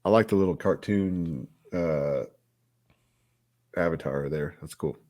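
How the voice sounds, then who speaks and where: A man's voice: a bass voice, slow, a little mellow. A man co-hosting a casual live review show, easygoing and agreeable, chuckling often. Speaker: co-host of a soda review show.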